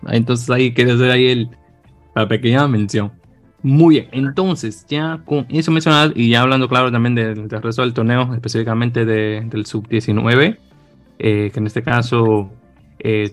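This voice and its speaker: A man hosting a sports podcast in casual chat, rambling with many hesitations and restarts. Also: mid-range voice. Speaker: podcast host.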